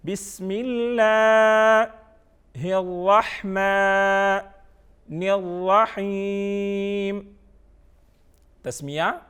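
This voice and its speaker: A man teaching a Quran reading lesson, asking questions and answering them himself, drawing out each letter as he recites it. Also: high-pitched. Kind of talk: slow teaching lesson with call-and-repeat recitation.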